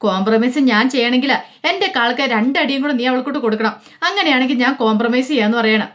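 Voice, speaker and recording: A woman's voice: on the high side, fast, fairly bright tone, close to an everyday voice. A woman voicing a harsh, scolding older mother-in-law who scoffs and grunts as she talks, in a spoken storybook. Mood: scheming. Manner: scornful, grunting "hum".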